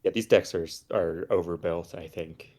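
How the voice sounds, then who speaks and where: A man giving relaxed, analytical commentary on a card game with a dry sense of humor. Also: low voice, normal speed.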